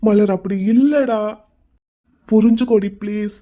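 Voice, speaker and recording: A woman's voice: mid-range voice, a little slow, dark tone, natural voice. A woman voicing an anxious young husband in a cartoon drama, pleading with his wife not to leave. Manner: pleading, coaxing.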